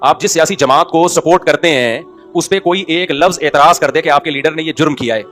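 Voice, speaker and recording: Fast-talking middle-aged preacher guy, kinda high voice, wry jokes and questions to the crowd. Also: fairly bright tone, faint music behind. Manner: anecdotal, with rhetorical questions to the audience; wry, joking asides. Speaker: Islamic scholar and preacher. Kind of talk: conversational sermon.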